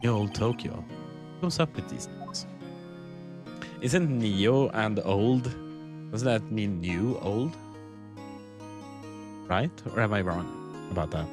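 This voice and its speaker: A dry, quizzical young lawyer, as a man plays him, poking at every answer in a game fan dub. His pitch moves around lively as he questions. Music plays clearly behind him. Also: slow pace, pauses often. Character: wry young male lawyer investigator.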